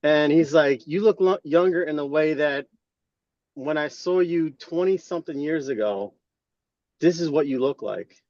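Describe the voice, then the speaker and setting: A man's voice: on the high side, moderate pace, darkish tone, no echo. Man in his forties on car speakerphone. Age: 40s. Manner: chatty, retells dialogue with lots of "I was like" and "he goes". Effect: calling in from a car while driving, muffled speakerphone sound. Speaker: member sharing a testimonial on a group call. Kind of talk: casual storytelling. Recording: dull, dry car speakerphone line.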